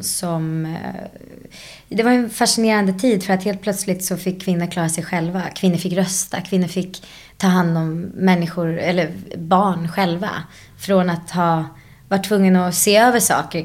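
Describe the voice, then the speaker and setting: A woman actress in a casual interview, reflective and animated as she tells stories, dropping in English phrases. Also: fairly low pitch. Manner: drops English phrases into her speech. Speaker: actress guest.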